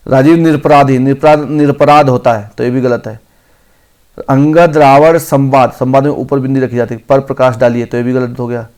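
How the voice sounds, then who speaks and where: A man teaching an exam-prep grammar lesson. He reads each option aloud slowly, then corrects it. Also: medium pitch, flat delivery, darkish tone.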